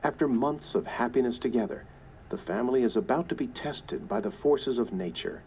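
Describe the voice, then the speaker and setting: Guy with a warm mellow voice reading a story intro, faint hiss behind. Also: medium pitch, moderate pace, low-quality recording. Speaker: audiobook narrator.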